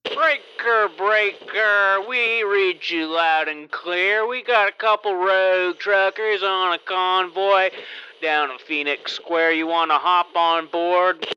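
A man doing a high, slow trucker over a CB radio. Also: steady tone, bright, forceful tone, clear, resonant tone, lo-fi sound, exaggerated voice. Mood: friendly. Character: male rogue trucker answering a CB call.

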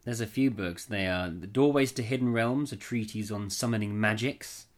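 Male co-host, lowish voice, chatty, acts out quoted lines, laughs a lot. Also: moderate pace. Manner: laughs often, retells scenes with quoted dialogue. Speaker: podcast co-host. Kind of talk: casual chat about horror fiction.

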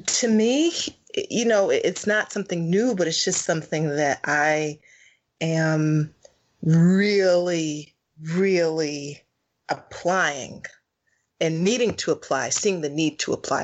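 A woman with a somewhat low voice shares her thoughts in an easygoing podcast conversation. She is expressive, deliberately drawing words out for emphasis. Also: lo-fi sound. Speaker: podcast co-host. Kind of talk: casual reflective chat.

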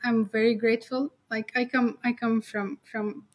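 A woman's voice: a little high, little pitch movement, normal speed. A young woman from Syria, a developer being interviewed, friendly and laughing often, repeating words as she talks. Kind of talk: casual interview.

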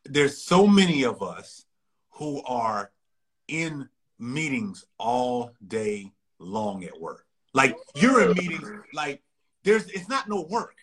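A man with a slightly husky voice hosts a casual podcast conversation. He talks in an energetic, preachy motivational way, firing off rhetorical questions and pushing listeners to act. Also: medium pitch, slow. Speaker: podcast host.

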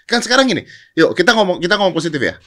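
A man's voice: high-pitched, sing-song, very fast, fairly bright tone. A man, debating playfully in a casual podcast chat.

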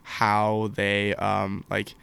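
A man's voice: on the low side, monotone, very slow, gravelly, fairly bright tone, clear, resonant tone, no room sound. A young adult man hosting a casual podcast, eager and stumbling, often repeating his words. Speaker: podcast host.

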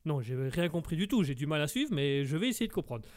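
A man's voice: on the high side, sing-song, fast. A man hosting a comic radio interview, asking questions in a patient, mock-serious way. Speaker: radio host.

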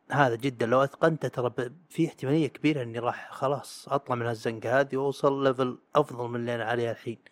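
A man's voice: medium pitch, dry recording. A man hosting a solo podcast, talking casually and partly reading from a script. He trips over words and laughs at himself. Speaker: podcast host.

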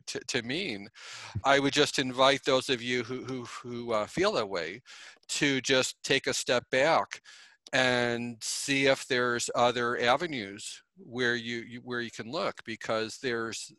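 A man hosting a casual film commentary, talking in halting bursts with many repeated words and restarts. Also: medium pitch, bright, forceful tone, dry recording.

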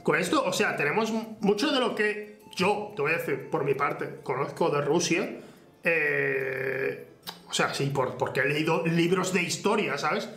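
A man's voice: on the high side, expressive, measured pace, vocal fry, fairly bright tone. A young man from Spain hosting a casual chat, hesitant, filling gaps with "eh" and restarting his sentences. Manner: hesitant, lots of eh and restarts, laughs easily. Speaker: host. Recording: echoey room with faint music.

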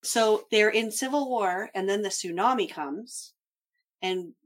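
A woman's voice: medium pitch, a little slow. A woman in casual conversation, explaining things as a traveler recounting a trip.

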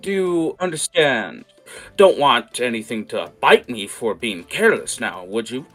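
A man voicing a corrupt, smooth-talking male noble official who hints at bribes with slippery, hesitant phrasing. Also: medium pitch, very animated, unhurried, fairly bright tone, soft background music. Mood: slyly persuasive. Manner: oily, insinuating, hesitant fillers.

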